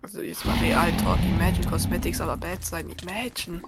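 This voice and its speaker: A young gamer chatting casually and excitably, full of slang, with the voice jumping up when surprised. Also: fairly quick, gravelly, over loud music. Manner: excitable, slangy, jumps up in pitch. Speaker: gamer and podcaster. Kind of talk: casual gaming chat.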